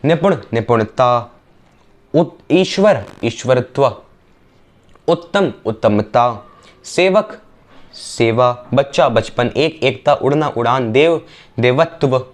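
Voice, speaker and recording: A young man teaching an exam revision lesson, briskly reading out word pairs and checking that the students follow. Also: mid-range voice, animated. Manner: brisk, repetitive drilling with quick checks on the students.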